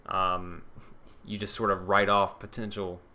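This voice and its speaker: A young man with a lowish voice chats on a live stream, answering viewers. He thinks aloud in a loose, casual way, full of ums and restarts. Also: level tone, unhurried, bright, forceful tone. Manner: casual, answers viewer questions, many fillers. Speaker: fantasy football streamer.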